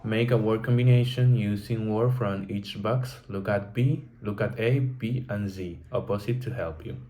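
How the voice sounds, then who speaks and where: A man teaching a vocabulary lesson, reading from a textbook carefully and pausing to restart words. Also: lowish voice, mellow, a little hiss or hum.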